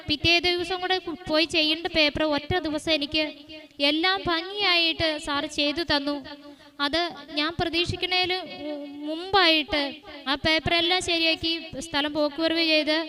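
A woman's voice: extremely high pitch, pushed and bright. A woman gives an earnest, emotional church testimony, telling her story with frequent restarts. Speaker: testimony giver.

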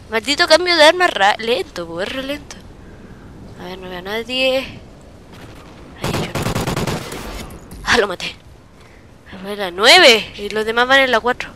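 Chilean guy narrating his own shooter gameplay, very bright and sharp tone, excitable, yells in firefights, faint noise and gunfire behind. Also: sits high. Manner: excitable, bursts into shouting during fights. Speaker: gaming video creator. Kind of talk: casual gameplay commentary.

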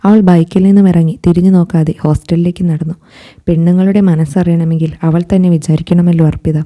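A woman narrating a first-person story in a calm, even reading. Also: fairly low pitch, fairly quick.

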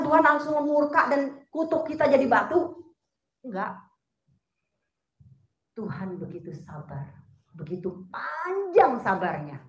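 A woman giving a personal testimony at a church service, speaking straight to the congregation and asking it questions. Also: high voice. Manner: animated, addresses the congregation directly and asks it questions. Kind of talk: sermon-style personal testimony. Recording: echoey hall sound.

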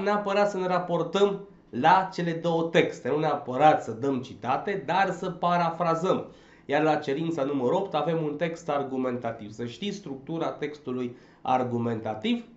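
A man teaching an exam-prep language lesson, emphatic, checking in often with a quick "da?". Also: a little high. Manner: emphatic, drills points with frequent "da?". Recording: echoey, slightly dull recording.

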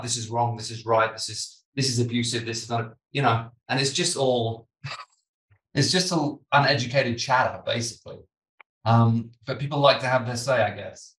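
A British podcast host in his thirties talks casually over a video call from his home office, animated and gesturing with his hands. His medium-pitched voice comes through an echoey room with the mic at a distance, and he restarts his sentences often.

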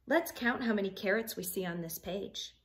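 Here a thirty-something woman leads a children's read-along at home in the living room, her voice sitting at a medium pitch. She brings the picture book to life in a lively, sing-song, teacherly style, pausing to pose easy math questions to the kids.

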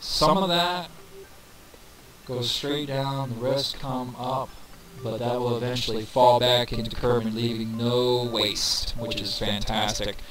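A man's voice: mid-range voice, steady tone, takes it slowly, fairly bright tone. A man narrating a casual game walkthrough, thinking aloud with fillers and counting down numbers, his voice carrying reverb from a poor microphone. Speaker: gameplay tutorial narrator. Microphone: cheap desk microphone. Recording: reverby mic with crowd noise behind.

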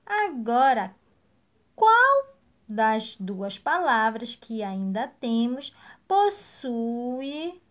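Woman teacher, high voice, slow and encouraging, video lesson for kids. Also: sing-song, fairly bright tone. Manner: slow, encouraging, praising answers. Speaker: primary school teacher. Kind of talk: recorded video lesson for young children.

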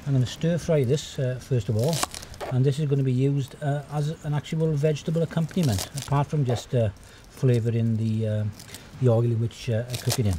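A Welsh man in his fifties giving a relaxed, chatty cooking demonstration outdoors on a beach, with many ums and uhs. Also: mid-range voice, brisk, few pauses, background noise. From Wales. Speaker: forager and outdoor cook.

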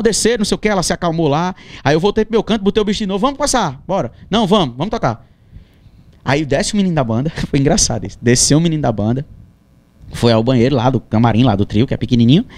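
A male singer, telling a story in a casual interview, acting out dialogue and repeating phrases as he goes. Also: on the high side. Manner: animated, acts out quoted dialogue, stammers and repeats phrases.

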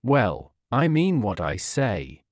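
A man voicing a polite, curious young girl in a storybook reading, asking questions in a slow, lilting way. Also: mid-range voice, huge pitch swings, dry recording, clean studio sound.

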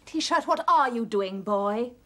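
An actress playing a scheming, impatient female witch in a children's TV comedy, with a snappish, imperious, scolding manner and a husky voice. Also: on the high side, lively intonation, slow, fairly bright tone. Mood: furious. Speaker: villain.

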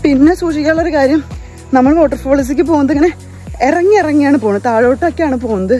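Speaking very fast in a high-pitched voice, a young travel vlogger chats with her viewers as "guys" on a forest trail by a waterfall, mixing in some English. Background music runs under her voice in this low-quality recording.

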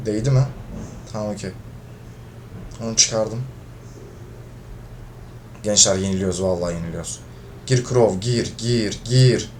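A gaming video creator with a lowish, unhurried voice that pauses often talks over his own gameplay, with a little hiss or hum present. He gets fed up, cusses out his teammates, and shouts on losing.

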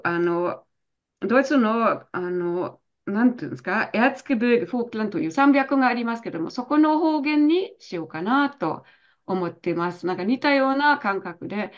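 A woman's voice: fairly high pitch, highs cut off. A woman working as interpreter in an online talk, speaking hesitantly with many fillers, over a video call.

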